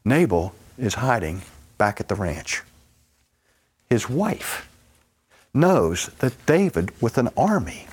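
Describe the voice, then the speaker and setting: A man preaching a sermon, retelling scripture in an animated storytelling manner and acting out the voices of its characters. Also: fairly low pitch, husky.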